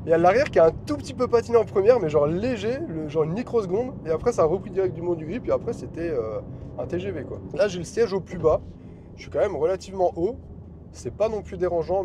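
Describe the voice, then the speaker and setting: A man's voice: a little high, background noise. A man presenting a chatty, enthusiastic car review, talking from the driver's seat and then beside the car.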